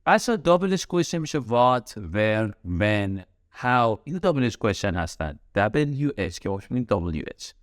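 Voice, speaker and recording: A man with a Persian accent teaching English grammar in a recorded lesson, slowing down to spell out example sentences and drilling key words by repetition. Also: medium pitch, big pitch swings, no echo, studio quality.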